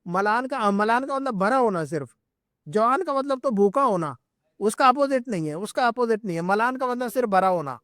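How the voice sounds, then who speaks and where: A man with a notably high voice leads a live Arabic grammar class at an Islamic centre. He explains patiently and repeats himself, drilling each word slowly and stopping often to check the students are with him. The sound is close and dry, with almost no room echo. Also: lively intonation, a bit bright. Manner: patient, repetitive explaining with frequent checks for understanding. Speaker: Arabic teacher.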